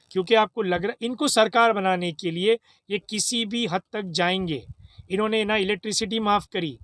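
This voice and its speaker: With a high-pitched, fairly bright voice, this man delivers an exhortative political appeal as an activist giving a statement. He is emphatic, repeats phrases for effect, and mixes in English words; the recording has no room sound.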